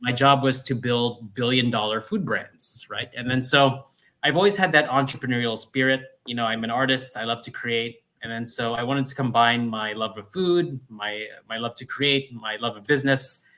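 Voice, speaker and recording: A man raised in New Jersey, a food company founder telling his story in a casual interview, upbeat and energetic. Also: medium pitch, moderate pace. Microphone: livestream call microphone.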